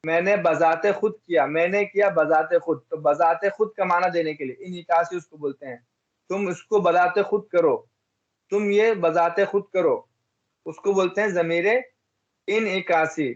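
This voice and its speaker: A man's voice: high-pitched, unhurried, lo-fi sound. A man from India teaching an English grammar lesson, repeating each example and asking and answering his own questions.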